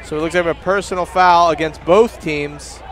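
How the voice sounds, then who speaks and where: A man casually commenting on a live high school football game, halting and using lots of fillers. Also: steady tone, fairly bright tone, a faint crowd. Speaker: color commentator.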